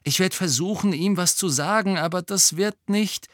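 Male reader as a defensive, uneasy teen boy; lifted pitch, close dry read. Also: moderate pace, fairly bright tone, no echo. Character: teenage wizard boy, guarded and uneasy.

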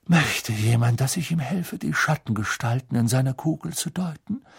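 A man's voice: mid-range voice, animated, normal speed, gravelly, breathy edge, heavily acted. A man voicing an eccentric, mystical female divination teacher who murmurs and whispers theatrically, in a storybook reading. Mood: gentle.

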